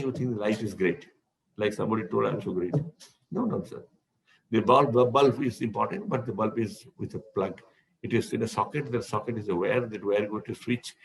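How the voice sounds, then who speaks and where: Indian English man, gravelly mid-range voice, spiritual teacher, rambling and repetitive delivery. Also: medium pitch, low-quality recording. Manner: discursive, repeats words while searching. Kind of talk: speaking to devotees in an online session.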